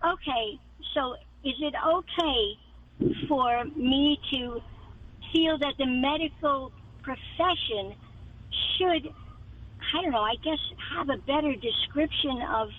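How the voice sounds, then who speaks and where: A woman's voice: high voice, slow, slight background noise. A woman caller on a clipped phone line from her car, rambling through details to a radio advice host. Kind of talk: call-in radio talk. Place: inside a car.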